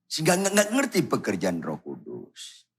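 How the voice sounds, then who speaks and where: Blunt husky male pastor. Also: wildly swooping pitch, moderate pace. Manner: blunt, provocative, shouts and drops low for effect. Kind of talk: sermon.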